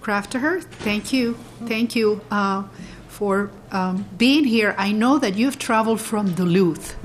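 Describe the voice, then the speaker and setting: A woman chairs a legislative committee hearing. Her voice sits in a middle pitch and her speech is halting, full of fillers and restarts. A faint hiss of room noise runs underneath.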